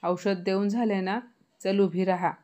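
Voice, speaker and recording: A woman's voice: mid-range voice, fairly even intonation, unhurried, mellow, dull audio, natural voice. A woman voicing an angry husband who scolds and gives orders in a raised voice. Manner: harsh, scolding. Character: angry shouting husband, middle-aged man.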